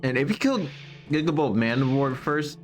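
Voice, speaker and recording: A man's voice: medium pitch, expressive, a little fast. A man giving casual live gameplay commentary as a streamer, explaining as he plays. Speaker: game streamer. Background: game music.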